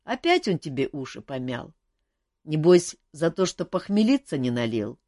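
A woman's voice: sits low, big pitch swings, moderate pace, mellow, no room sound. A woman voicing a tired, joking male court jester who mocks himself and others in a dry room. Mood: wry, weary. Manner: wry, self-mocking banter.

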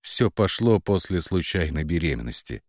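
A man's voice: low voice, sing-song, normal speed, dry recording, studio quality. A man voicing a bitter, cold middle-aged mother who resentfully blames her daughter. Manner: blaming, resentful.

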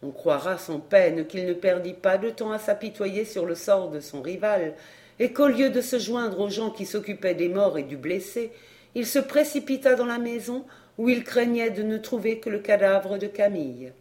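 A woman narrating a novel in a steady, measured way. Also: medium pitch. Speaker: audiobook narrator.

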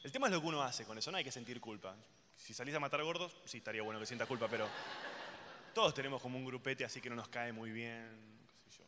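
A man with an Argentine accent doing a live stand-up routine, chatting and teasing the crowd with loud bursts. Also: mid-range voice, fast, big-room sound, slight background noise. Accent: Argentine Spanish. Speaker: stand-up comedian.

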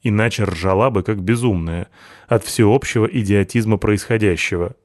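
A man voicing a gloomy, sarcastic young woman assistant in a deadpan manner. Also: lowish voice, normal speed, no room sound, studio quality, close to an everyday voice.

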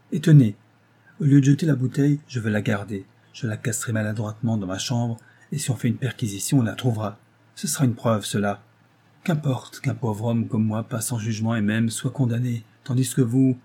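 A narrator puts on a devoted old servant who speaks barely above a murmur. The voice is mellow and husky, with a soft, dark tone. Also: male voice, medium pitch, close to an everyday voice. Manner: murmured, hushed.

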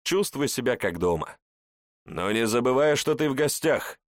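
A man's voice: medium pitch, lively intonation, normal speed, no room sound, studio quality, pitched above the performer's own voice, close to an everyday voice. A man voicing an easygoing, persuasive friend in an audiobook. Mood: coaxing.

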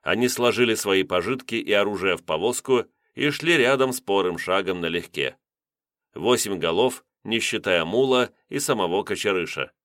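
A man reading a first-person fantasy audiobook in a measured, dramatic way. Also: on the low side, a bit bright, no room sound, studio quality. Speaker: audiobook narrator.

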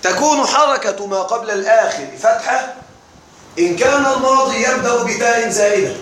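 A man's voice: extremely high pitch, brisk, a bit bright, a little hiss or hum. A man teaching a classroom grammar lesson. He asks the class questions and answers them himself. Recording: echoey room recorded from a distance.

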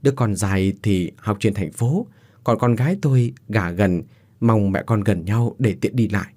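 A man's voice: lowish voice, normal speed, darkish tone, lightly acted. A man voicing a worried, tearful old mother. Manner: anxious, tearful.

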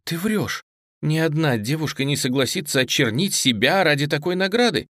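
A man's voice: on the high side, lively intonation, moderate pace, a bit bright, no echo, voice pushed up. Storybook young woman, scared and teary, trembling pleas, voice lifted, done by a male reader; dry booth sound. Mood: tearful. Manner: trembling, pleading, tearful. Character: frightened tearful young woman, pleading.

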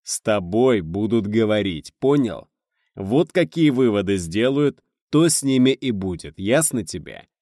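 A man reading an audiobook, voicing a stern army major who speaks gruffly and mockingly. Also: fairly low pitch, normal speed, no room sound, clean studio sound, lightly acted. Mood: threatening. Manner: gruff and commanding.

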